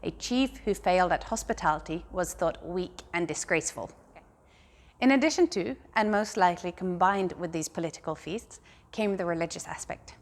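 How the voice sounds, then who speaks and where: A woman giving a scripted guided tour as a museum guide, explaining things in a calm, measured way. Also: lowish voice.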